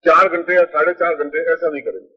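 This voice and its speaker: Guy teaching a ritual step by step off an old worn tape, kinda husky, slightly high voice, muffled lo-fi sound. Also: steady tone, quick pace. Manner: plain, methodical, repeats points for emphasis. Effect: old worn cassette tape. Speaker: spiritual teacher. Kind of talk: giving step-by-step ritual instructions. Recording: dull lo-fi 1980s tape recording.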